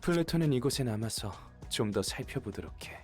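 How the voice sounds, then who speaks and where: A man voicing a calm, musing game character, at times close to a whisper. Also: mid-range voice, very fast, soft background music, natural voice. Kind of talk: game voice acting.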